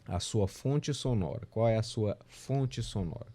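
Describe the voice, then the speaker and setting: Mellow-voiced male music teacher lecturing. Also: fairly low pitch, a little slow. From Brazil. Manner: explanatory, counts beats aloud, frequent "né?" tag questions. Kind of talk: remote lecture. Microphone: remote class recording.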